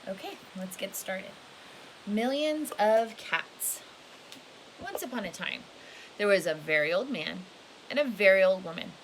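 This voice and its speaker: With a mid-range, expressive voice, a woman reads a kids' picture book at a measured pace, leaving long pauses. She lingers on key words and adds casual asides, and the home recording is hissy with background noise.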